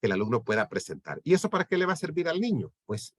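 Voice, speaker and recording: A man's voice: on the high side, big pitch swings, fast talker. A man giving an explanatory lecture to teachers on lesson planning, often checking in with his listeners. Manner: explanatory, keeps asking "¿verdad?". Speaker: teacher trainer.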